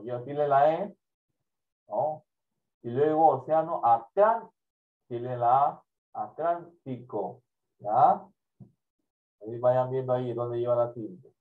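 Slow-talking male teacher, dull audio. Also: mid-range voice. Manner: slow, repetitive, checks in with "¿ya?". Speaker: primary school teacher. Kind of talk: online class lecture.

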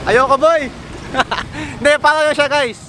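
A man with a Filipino accent hosting a casual hiking vlog outdoors, excited and whooping. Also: extremely high pitch, a little slow, a crowd in the background, noisy background. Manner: excited, loud whoops and laughs. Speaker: vlogger host. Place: outdoors on a hillside trail.

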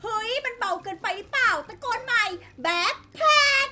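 A woman hosting a gaming channel, giving excited game commentary with loud playful exclamations and casual slang, addressing her young viewers directly. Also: extremely high pitch, fast talker.

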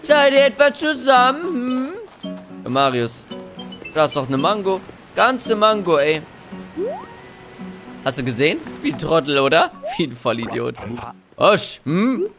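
A man's voice: fairly high pitch, big pitch swings, measured pace, pauses often. A man chatting casually to viewers while he plays a life-sim game, joking as he goes. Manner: chatty, jokey, talks to viewers. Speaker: let's play host. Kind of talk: casual gameplay commentary. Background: game music.

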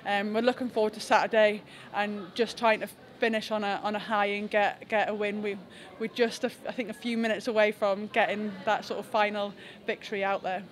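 Woman rugby captain after a match, pretty flat even delivery, lots of restarts, mics shoved right up close. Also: medium pitch. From England. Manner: reflective, halting with frequent restarts. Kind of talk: post-match press interview. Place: indoor press area after a match. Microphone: several handheld press mics close to her face.

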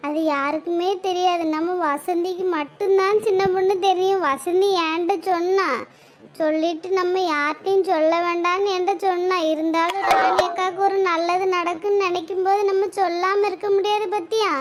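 A woman voicing cartoon village women in rapid gossiping dialogue. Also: very high-pitched, fairly even intonation. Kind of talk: cartoon voice acting.

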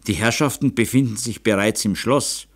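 A man as a measured, deferential doctor. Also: on the low side, husky. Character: cautious male doctor, careful and tactful.

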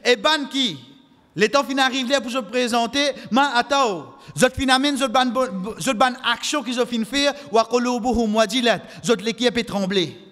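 Speaking at normal speed with a high-pitched, fairly bright voice, a male preacher with a Mauritian Creole accent gives a Friday khutbah, a sermon with Arabic quotations. He is impassioned and exhortative, repeating phrases for emphasis, and is recorded on a close stand mic at the pulpit of a mosque whose hall echoes with long reverb.

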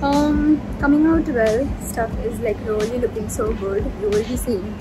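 A woman's voice: fairly high pitch, fairly even intonation, normal speed, rough recording. Chatty woman vlogging over music. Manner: chatty, upbeat, laughs often, talks to the camera. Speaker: vlogger and cafe owner. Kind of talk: casual behind-the-scenes vlog. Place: cafe, indoors and on a leafy outdoor terrace. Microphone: phone camera at arm's length. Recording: phone vlog with music underneath. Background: background music.

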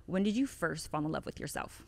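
A woman's voice: deep voice, big pitch swings, a little fast, creaky. A woman hosting a relationship podcast, playful and upbeat in her introductions, on a studio mic. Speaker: podcast host, matchmaker. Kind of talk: podcast interview. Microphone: studio mic on boom arm.

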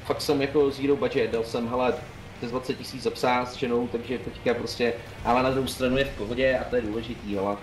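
A young man streaming a tank game, chatting casually and calling out moves to his teammates in a quick, joking way. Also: medium pitch, steady tone, slight background noise. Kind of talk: casual gaming chat. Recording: roomy sound with clear music behind.

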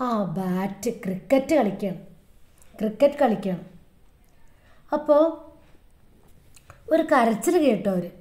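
A woman's voice: on the high side, mellow. A woman with a Kerala Malayalam accent teaching a recorded lesson to young children, repeating words and making animal sounds in a sing-song way.

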